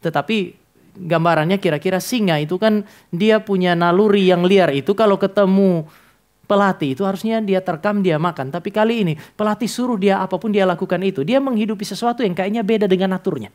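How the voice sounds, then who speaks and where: A male pastor delivers a sermon to his congregation in a church, addressing them directly. His voice sits high for a man. He tells stories and acts out the dialogue in them. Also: brisk, a little mellow.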